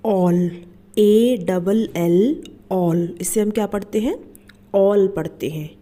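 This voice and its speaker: Slow, patient woman teaching English words. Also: medium pitch, mellow. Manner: patient, repeats each word and asks the class back. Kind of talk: slow spelled-out vocabulary lesson.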